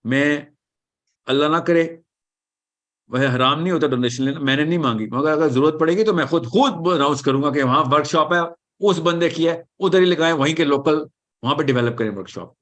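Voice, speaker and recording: A man answering audience questions in an animated lecture, emphatic and reassuring, often switching into English mid-sentence. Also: fairly high pitch, a little fast.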